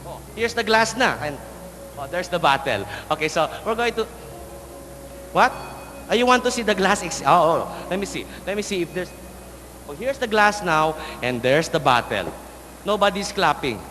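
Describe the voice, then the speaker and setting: High-voiced Filipino man, party magician patter. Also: lively intonation, normal speed, pushed and bright, a little hiss or hum. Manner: playful kids party magician patter, showy magic words. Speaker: stage magician. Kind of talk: comedic magic show patter. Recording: echoey hall sound, music behind.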